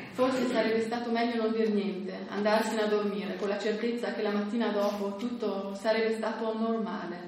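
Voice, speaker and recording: Woman reading a story aloud, very echoey. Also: mid-range voice. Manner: measured, steady narration. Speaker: reader at a book presentation. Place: hall at a book presentation. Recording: very echoey room, faint background noise.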